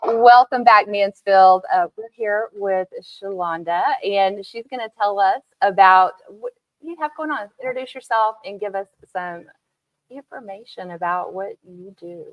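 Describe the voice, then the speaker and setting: A woman's voice: medium pitch, unhurried, no echo. A woman in her fifties hosts a casual local talk show, encouraging her guest with frequent affirmations. Her voice is recorded dry with no room sound, and it comes across slightly dull. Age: 50s. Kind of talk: casual interview chat.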